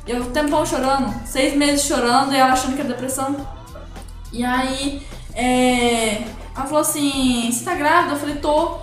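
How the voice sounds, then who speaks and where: A young woman from Brazil telling a personal story in casual chat, rambling and animated, quoting dialogue as she goes. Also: high-pitched, normal speed, soft background music. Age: young adult. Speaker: guest. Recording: very echoey room.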